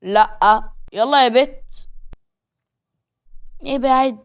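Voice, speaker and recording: A woman voicing a bossy, teasing young man with an Egyptian accent in a storybook reading, talking loudly. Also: sits high, slow pace. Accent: Egyptian Arabic. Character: pushy, teasing young man, playful and stubborn.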